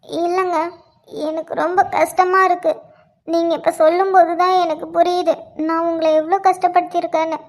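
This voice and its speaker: A woman's voice: high-pitched, steady tone, unhurried, pauses often. A woman voicing a young scheming wife in a cartoon, pleading tearfully and then muttering slyly to herself.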